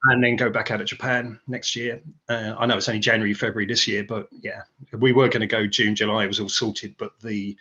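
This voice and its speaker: A British guitarist speaks in a somewhat low voice, telling his story in loose, rambling interview chat. He fills gaps with ums and uhs and restarts his sentences. The audio sounds dull and lo-fi, like a remote call. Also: level tone, a little fast, sharp tone. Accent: British English. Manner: rambling, many fillers and restarts.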